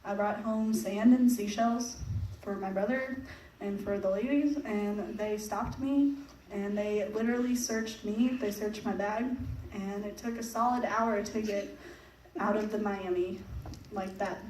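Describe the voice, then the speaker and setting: A woman's voice: medium pitch, fairly even intonation, measured pace, a little mellow. Young woman presenter at church, casual and giggly, mic set far off in a roomy hall. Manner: chatty, laughs often, many fillers. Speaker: mission trip presenter. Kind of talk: casual talk to a church audience. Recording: echoey hall, picked up from a distance, faint noise.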